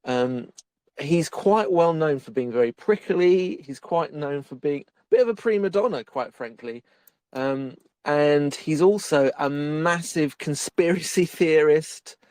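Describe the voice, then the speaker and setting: A man's voice: on the high side, lively intonation, a little slow, a little mellow, dry recording. A man co-hosting a podcast that reviews bad films, talking casually, laughing often and restarting his sentences. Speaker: podcast co-host. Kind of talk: casual film-review chat.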